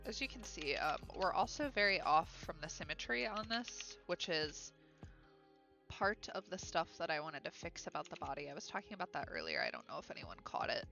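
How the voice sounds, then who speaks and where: An illustrator from Ohio livestreams while drawing, chatting casually in a Midwest American accent and reading out viewer comments. Her voice is on the low side, animated and brisk, with vocal fry and a pushed, bright quality; she's upbeat, using lots of fillers and giggles, with faint music behind her.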